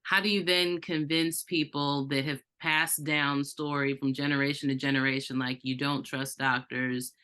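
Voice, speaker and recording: A woman's voice: low voice, level tone, normal speed, hardly any pauses, pushed and bright, clear, resonant tone. A woman hosting an interview, asking long searching questions and giving frequent backchannel murmurs. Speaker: podcast host. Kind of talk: interview conversation.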